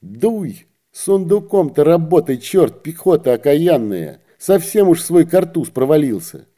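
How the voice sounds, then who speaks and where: Male reader as a brusque, pushy soldier, loud orders, very dark voice. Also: a little high, sing-song, a little slow, pitched above the performer's own voice. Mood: bossy shouting.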